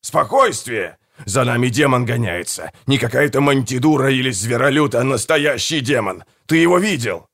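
A man voicing Hegel, an anxious, violent-tempered grave robber who snarls and shouts in an audiobook. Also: medium pitch, expressive, moderate pace, creaky, few pauses, breathy edge, exaggerated voice. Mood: frantic.

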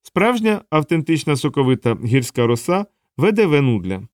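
A man voicing a calm, practical young woman officer of the city watch, raising his pitch for her. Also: moderate pace, no room sound, clean studio sound. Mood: concerned.

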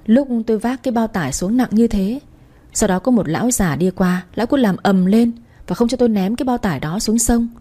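A woman's voice: medium pitch, brisk, mellow, close to an everyday voice. A woman voicing a man's blunt, loyal friend who speaks in an exasperated way. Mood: matter-of-fact.

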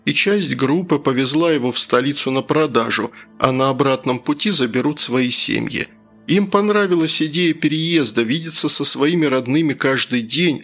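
A man reading a first-person fantasy audiobook in a steady storytelling voice. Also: mid-range voice. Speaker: audiobook narrator.

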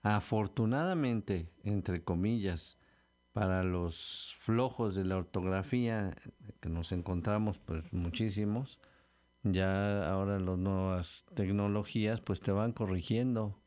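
A middle-aged Mexican-accented man hosting a radio show, explaining spelling rules in a relaxed, chatty way with filler words. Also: sits low, slow. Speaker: radio host.

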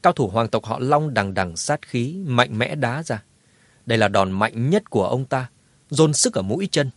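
A man narrating a martial arts novel in a dramatic, lively telling. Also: mid-range voice, normal speed, no room sound. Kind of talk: scripted audiobook narration.

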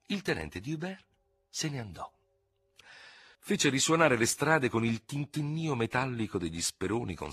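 A man narrating a classic novel as an audiobook, in an expressive, theatrical reading style on a close studio mic. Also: deep voice, breathy edge, no room sound. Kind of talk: scripted literary narration.

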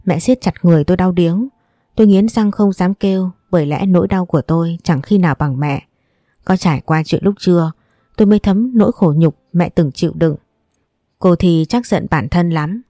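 A woman reads a story aloud, calm and measured. Her voice is low and mellow, and the recording is dry and close. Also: no room sound. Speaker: narrator. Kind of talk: audiobook story narration.

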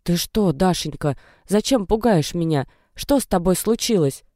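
A man's voice: high-pitched, lively intonation, moderate pace, darkish tone, no room sound, studio quality, voice pushed up. A man voicing a flustered, fretting grandmother who fires off anxious questions.

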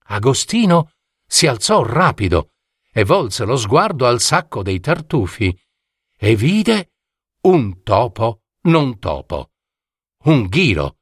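Slow, expressive male storyteller. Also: medium pitch, breathy edge, no echo, clean studio sound. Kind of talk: fairy tale narration.

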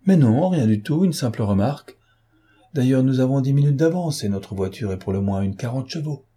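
A man reading an audiobook and voicing a mocking, self-assured gentleman thief with a raised, teasing, theatrical voice. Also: medium pitch, lively intonation, a little fast, slightly rough, voice pushed up. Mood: ironic.

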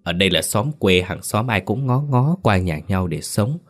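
A man narrating a horror story, in a measured, dramatic reading. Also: on the low side, lively intonation.

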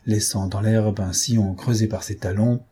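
Man, audiobook narration, low voice, very husky, dark mellow tone, measured reading. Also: steady tone. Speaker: audiobook reader. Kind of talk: read-aloud novel narration.

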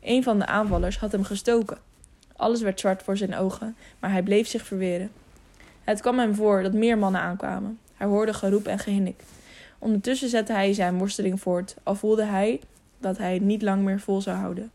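A woman narrates an adventure novel for an audiobook in a steady, even reading voice. Her tone sits in a middle pitch with a noticeable gravelly fry. She occasionally stumbles and restarts a word before carrying on. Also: normal speed.

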